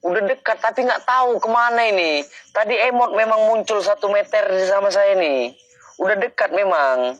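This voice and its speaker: A man vlogging a ghost hunt in a cemetery at night, murmuring low, then calling out loudly into the dark, with muttered prayers. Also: moderate pace, no room sound, lo-fi sound. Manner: alternates low murmurs with loud calls into the dark. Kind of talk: hushed live commentary.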